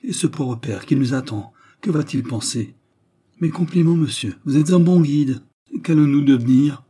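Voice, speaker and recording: A man reading aloud, voicing a nervous, quick-tempered young woman in a brisk, agitated way. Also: fairly high pitch, mellow, husky, voice pushed up. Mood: flustered.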